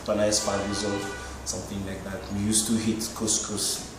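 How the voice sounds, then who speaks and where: Male guest, relaxed and rambling, recorded distant in a very roomy space. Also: lowish voice, brisk, over music. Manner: loose and rambling, many fillers. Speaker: interviewee, musician. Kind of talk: casual interview answers. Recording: roomy echo, distant mic, faint noise.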